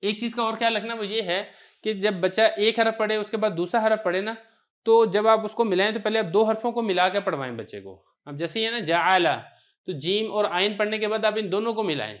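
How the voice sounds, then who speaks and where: A man teaching Quran reading step by step, explaining patiently and drawing out syllables slowly as he recites. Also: high voice, fairly bright tone. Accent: Pakistani Urdu.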